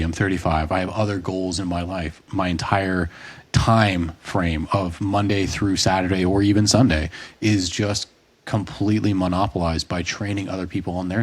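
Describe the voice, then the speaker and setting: A man's voice: deep voice, breathy edge. A man in his late twenties or thirties, a fitness coach co-hosting a podcast, talking through ideas in long rambling stretches with restarts and the odd curse word. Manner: long rambling explanations, frequent restarts, occasional swearing. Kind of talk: casual podcast discussion.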